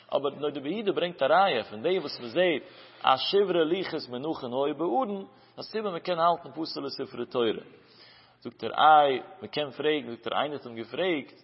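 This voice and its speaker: A man giving a Talmud study lesson in a chanting singsong cadence, his pitch rising and falling through each phrase. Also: husky. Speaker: Talmud teacher. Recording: muffled, dull recording with long hall reverb.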